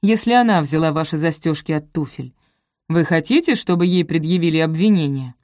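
A woman voicing a stern, weary middle-aged male magistrate who speaks gruffly and impatiently. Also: low-pitched, animated, brisk, a little mellow, dry recording, studio quality.

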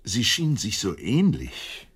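A flustered gentleman doctor in a radio play. His low voice is husky and rises and falls expressively. He stammers and questions, incredulous and unsure of himself. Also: wildly swooping pitch, slow, exaggerated voice. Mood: troubled. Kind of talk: German radio drama acting.

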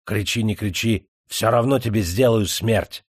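A man's voice: on the low side, unhurried, no echo, studio quality. A man doing a jeering, fierce Tatar brigand. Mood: mocking menace. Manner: jeering, broken speech.

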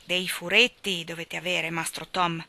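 A woman voicing a rough, boastful country boy who loves rat-catching, talking in a folksy way that repeats his own words. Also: lowish voice, little pitch movement, measured pace, pushed and bright, exaggerated voice.

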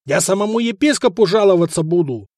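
A man's voice: sits high, lively intonation, brisk, a little mellow, no room sound, studio quality, pitched above the performer's own voice. A man voicing a stubborn ship captain who blusters indignantly.

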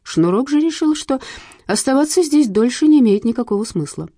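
A woman reading an audiobook in a lively, wry storytelling manner. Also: high voice, a little fast, husky, no room sound, studio quality. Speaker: narrator. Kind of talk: audiobook narration.

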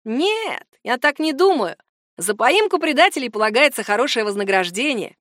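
A woman reading an audiobook, voicing a brash, scheming teenage boy who taunts and threatens in loud outbursts. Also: on the high side, very animated, moderate pace, no room sound, studio quality. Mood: taunting.

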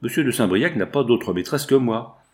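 A man's voice: mid-range voice, expressive, moderate pace, close to an everyday voice. A man reading an audiobook, voicing a frightened, devoted young woman who pleads desperately. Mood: terrified.

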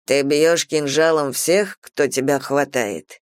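A haughty male god from a fantasy audiobook, as a woman reads him, lowering the voice into slow, deliberate, scornful lines. The delivery is close and dry, with no room around it. He teases rather than shouts. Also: steady tone, dry recording. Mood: stern. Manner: slow, low, mocking. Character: stern, teasing, arrogant male god. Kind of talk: audiobook character voice.

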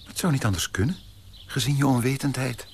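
A man playing a pompous, prim young gentleman in a radio play, turning indignant and shrill when shocked. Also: a little fast, slight background noise, lightly acted. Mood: adoring.

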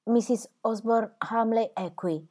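A woman reading an audiobook, voicing a calm, gentle young woman who speaks in a measured, quiet way. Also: on the high side, pitched above the performer's own voice.

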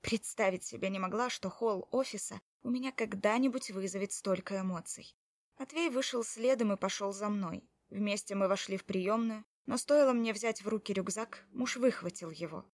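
A woman reads an audiobook as its heroine, telling the story in the first person. Her reading is expressive and emotional, in a mid-pitched voice. The sound is dry, close, and without room echo. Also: moderate pace. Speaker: narrator.

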